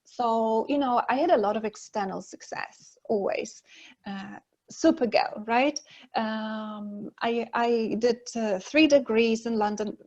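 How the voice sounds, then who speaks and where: A woman's voice: a little high, slow, muffled recording. Chatty Polish-born woman in her forties. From Poland. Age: 40s. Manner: chatty and open, with frequent laughs and fillers. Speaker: guest relationship expert. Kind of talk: casual interview talk. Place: living room at home. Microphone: earphone mic on a video call.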